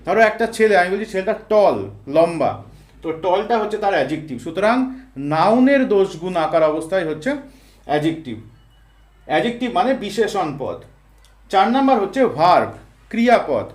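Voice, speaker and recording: A man's voice: high-pitched, sing-song, brisk, pauses often. A man teaching English grammar, explaining each point step by step with everyday examples and talking straight to his students. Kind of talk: explanatory lesson. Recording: echoey room.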